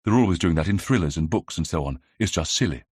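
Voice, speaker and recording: A man's voice: low-pitched, lively intonation, fast, darkish tone, breathy edge, no room sound, studio quality. A man voicing a spirited young 1920s English lady in an audiobook, prim and easily cross. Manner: huffy, prim. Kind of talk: audiobook character reading.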